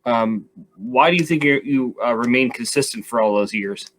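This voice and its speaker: A man's voice: mid-range voice, normal speed, a bit bright, slight background noise. Chatty male show host. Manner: chatty, filler-heavy questions. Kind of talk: casual interview hosting.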